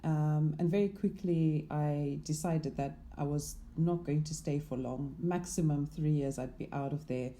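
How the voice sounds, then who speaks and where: A middle-aged woman from Zimbabwe speaks as a guest in a casual interview. Her voice is low and very mellow and dark, and she talks thoughtfully, often saying "um" and "you know". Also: fairly even intonation, measured pace, few pauses. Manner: thoughtful, laughs lightly, many "um" and "you know". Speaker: guest, investment manager.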